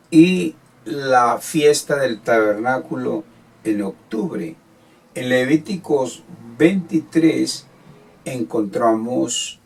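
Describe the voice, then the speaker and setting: A man teaching a Bible study sermon in Latin American Spanish, reading and explaining scripture in a measured way. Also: mid-range voice, a little mellow. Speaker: preacher. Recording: voice from far off the mic.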